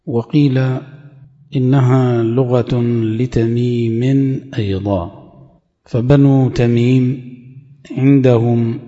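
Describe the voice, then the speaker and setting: A man gives a classical grammar lesson, slowly working through a text and stretching quoted words for emphasis. His voice is dark and mellow. The recording is dull and muffled, with long reverb from a hall. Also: mid-range voice, steady tone. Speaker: teacher explaining a grammar text.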